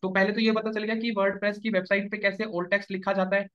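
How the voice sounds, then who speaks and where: High-voiced man teaching a class. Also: level tone, brisk. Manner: explanatory, checks understanding often. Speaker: SEO trainer. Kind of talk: live classroom tutorial. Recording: dull lo-fi classroom recording.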